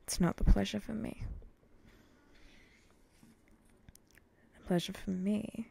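Mizu, low-key gravelly samurai played by a woman. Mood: guarded, bitter. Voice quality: breathy, often dropping to a whisper. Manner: slow, terse, deadpan. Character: brooding, vengeful samurai, guarded and curt. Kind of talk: whispered role-play.

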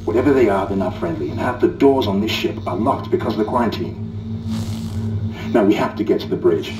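A man's voice: lowish voice, fairly quick, over music, close to an everyday voice. A man playing a stern, authoritative security leader in a sci-fi video game, controlled and urgent. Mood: firm. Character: stern, commanding male security leader on a derelict spaceship. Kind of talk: dramatic video game acting. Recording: echoey, distant, faintly noisy game capture.

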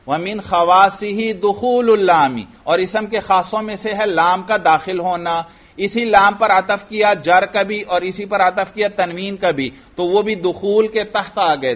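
A man's voice: a little high, fairly bright tone, dull audio. A man with a Pakistani Urdu accent, teaching an Arabic grammar class. He explains step by step, recites example phrases and keeps asking his students questions. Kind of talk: classroom lecture.

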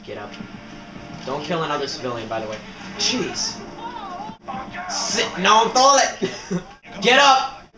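Excitable goofy guy gaming, lively pitch. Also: takes it slowly, pauses often, over music. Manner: goofy, excitable, swears and laughs a lot. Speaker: gamer playing co-op. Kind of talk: casual gameplay banter. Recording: echoey room with noisy background.

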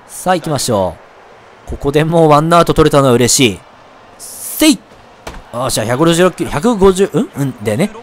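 A man narrates his baseball video game, and his voice climbs high and swings widely with every pitch. He yells when plays go his way or against him, then drops into low, quick asides. He keeps a polite tone with his viewers. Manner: excitable, shouts at big plays, mutters asides; polite to viewers, apologizes for loud outbursts. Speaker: let's play commentator. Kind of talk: excited gameplay commentary.

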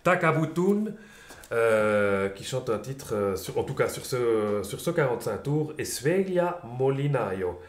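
Joking radio host, echoey room. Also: male voice, medium pitch, animated, measured pace. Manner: joking, hesitant with fillers. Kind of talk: casual promo chat.

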